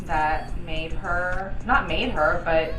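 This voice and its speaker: A woman's voice: lowish voice, steady tone, takes it slowly, fairly bright tone. A tipsy woman rambling and giggling through a casual, chatty review, losing her thread as she goes. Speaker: co-host of a TV series review. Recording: echoey room, distant mic, music behind.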